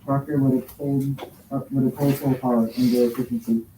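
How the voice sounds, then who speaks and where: A man reading stage directions aloud in a classroom, halting and stumbling over words. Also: medium pitch, level tone, mellow, slight background noise. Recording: echoey classroom from a distance.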